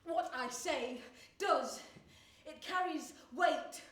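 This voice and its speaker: A woman's voice: sits high, slow pace, fairly bright tone, far from the mic. A young woman acting in a stage monologue, playing a recent graduate in a wry, self-mocking and dramatic way, laughing between her lines. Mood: intense. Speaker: stage actress performing a monologue. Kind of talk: theatrical monologue. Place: theatre stage. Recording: roomy theatre sound from afar.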